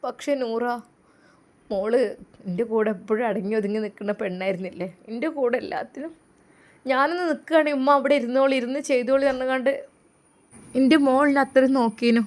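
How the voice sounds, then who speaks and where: A woman's voice: on the high side, a little fast, lightly acted. A woman with a Malappuram Malayalam accent voicing an older mother-in-law who tenderly misses her daughter-in-law. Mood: tearful. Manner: tender, pleading, doting. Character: heartbroken older mother-in-law, affectionate and tearful.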